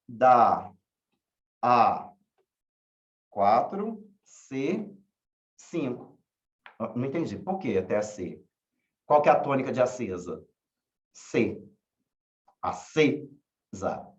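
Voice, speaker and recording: A man teaching a class, asking questions slowly and repeating key words. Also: mid-range voice. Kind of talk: online class lecture. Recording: echoey room, dull lo-fi sound.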